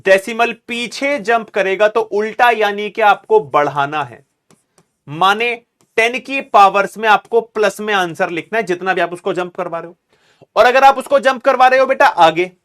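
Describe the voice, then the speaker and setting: A man's voice: sits high, fairly bright tone. A man teaching a chemistry class, mixing phrases into his explanation, calling students "beta" and urging them to make some noise. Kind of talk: classroom lecture.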